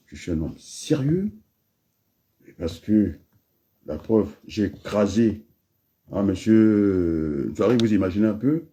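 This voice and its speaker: Deep-voiced rambling Congolese man. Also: dark tone. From Republic of the Congo. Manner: rambling, digressive, with many restarts and asides. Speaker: speaker. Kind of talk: freewheeling spoken address.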